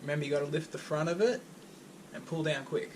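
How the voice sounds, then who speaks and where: A man's voice: fairly high pitch, fast talker, rough recording. An Australian man hosting a painting session at home, chatting casually in a jokey, coaxing and reassuring way. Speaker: acrylic pour painting channel host. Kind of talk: casual chat while guiding a painting session. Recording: loud background noise.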